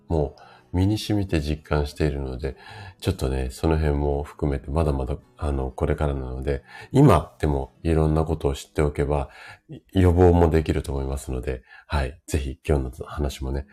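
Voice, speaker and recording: A man in his fifties with a rough, hoarse voice, chatting casually as host of a live stream and explaining things to his listeners. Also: a bass voice, fairly even intonation, brisk, mellow. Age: 50s. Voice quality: gravelly, rough voice from drinking the night before.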